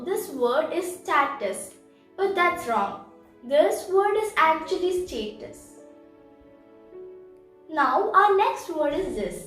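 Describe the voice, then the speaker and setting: A woman giving a bilingual pronunciation tutorial as channel host. She quizzes the viewers and then gives the answer. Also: very high voice. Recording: very echoey room, far from mic, faint music.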